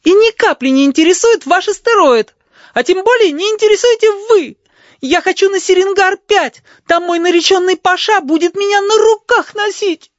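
A man voicing a proud, fiery young woman in a high, indignant tone. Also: normal speed, no echo, lo-fi sound. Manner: haughty, indignant, shrill.

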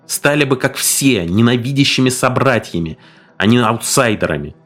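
A man narrating a story in an expressive, dramatic reading style. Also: medium pitch, normal speed, soft background music. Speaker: audiobook narrator.

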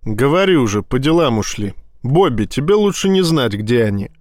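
An unruffled, gently mocking fleet admiral, as a man reading a story puts him on, speaking evenly and a touch higher than plain narration. The sound is dry and close. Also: normal speed, no echo, close to an everyday voice. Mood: calm. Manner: calm, lightly mocking. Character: calm, teasing male fleet admiral.

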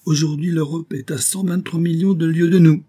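A man reading aloud voices an irascible elderly professor who snaps commands and questions in a husky, mellow voice. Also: fairly high pitch, lively intonation, a little slow, pitched above the performer's own voice. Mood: pleased. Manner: imperious, snapping questions. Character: irascible elderly male professor, gruff and demanding.

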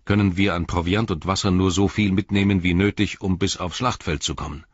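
A man reading the lines of an old king, grave and commanding, measured in his speech, in a dull lo-fi audiobook recording. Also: low-pitched, steady tone, husky.

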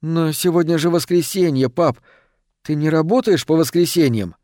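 A man reading an audiobook, voicing an eager, trusting young boy in a raised, boyish pitch. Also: moderate pace, dark tone, no room sound, clean studio sound, lightly acted. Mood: pleading.

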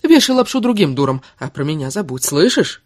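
A woman's voice: deep voice, sing-song, a little fast, dry recording, studio quality. A woman voicing a furious, sarcastic young woman who hurls insults in an audiobook. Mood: bitter. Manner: shouting insults, biting sarcasm.

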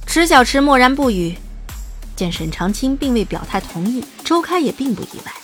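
A woman reading the narration of an audio drama in a smooth, lightly wry storytelling manner. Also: high voice, big pitch swings, normal speed, faint music behind.

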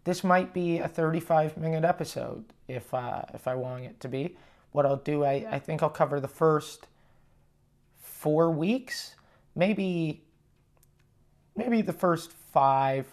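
A man hosting a casual solo podcast, rambling and halting with frequent swearing, recorded on a lav mic in an echoey room. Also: on the high side. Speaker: podcast host and touring stand-up comedian. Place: condo room, indoors. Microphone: lavalier plugged into portable recorder.

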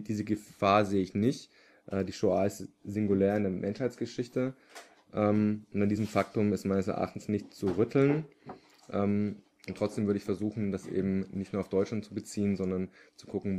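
Hesitant man with a dark voice giving a lecture. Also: on the low side. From Upper Palatinate, Germany. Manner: hesitant, many filler sounds. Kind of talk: public lecture.

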